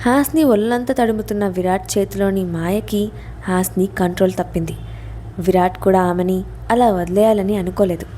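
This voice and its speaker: A woman storyteller giving a steady, expressive scripted story narration. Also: medium pitch, normal speed, slight background noise.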